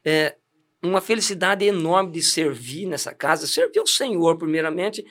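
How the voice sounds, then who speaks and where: High-voiced chatty man. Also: normal speed, fairly bright tone. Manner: chatty, laughing storyteller with many restarts. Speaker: deacon giving testimony. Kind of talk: casual testimony chat.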